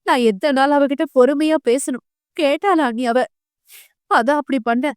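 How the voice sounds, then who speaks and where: A frantic, weeping middle-aged mother from an audio novel, as a woman narrator puts her on. She wails in a high voice. The recording is dry and close. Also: moderate pace, no echo, close to an everyday voice. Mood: fretful. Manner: wailing, panicked.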